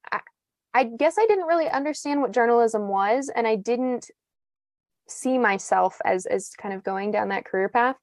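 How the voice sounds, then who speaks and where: With a medium-pitched voice and no echo, a young woman in her twenties chats as a journalist guest on a casual podcast. Her storytelling is reflective and loose, peppered with fillers and false starts.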